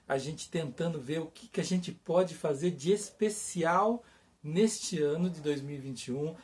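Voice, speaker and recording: A Brazilian writer and storyteller talks informally to camera, addressing viewers directly in a conversational, repetitive style with check-in questions. His voice sits on the high side with a darkish tone.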